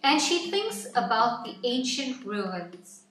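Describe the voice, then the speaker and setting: A woman with a voice on the high side reads a nonfiction picture book to children at story time, phrase by phrase, in an expressive, deliberate way. The room is echoey, the mic distant, and music runs underneath.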